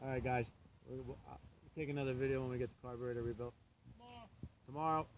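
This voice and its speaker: A man's voice: mid-range voice, steady tone, fast talker, slight background noise, rough recording. A man giving casual vlog commentary outdoors, talking informally and directly to his viewers. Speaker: video host. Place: outdoors in a dark work yard at night.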